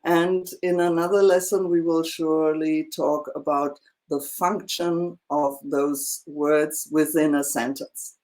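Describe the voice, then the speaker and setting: A woman teaching a one-on-one language lesson, explaining slowly with many fillers and checking in with "yeah?". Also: low voice, level tone, darkish tone. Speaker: German teacher.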